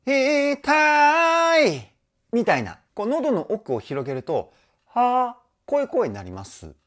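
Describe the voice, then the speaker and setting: A woman's voice: deep voice, a little mellow. A woman working as a vocal trainer gives an enthusiastic commentary analyzing a song and breaks in with short sung demonstrations.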